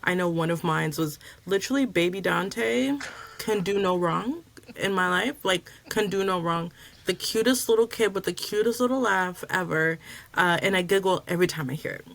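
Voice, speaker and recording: A woman's voice: fairly low pitch, normal speed, gravelly, a bit bright. A woman hosting a casual podcast chat, enthusiastic as she asks her guests questions. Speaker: podcast host.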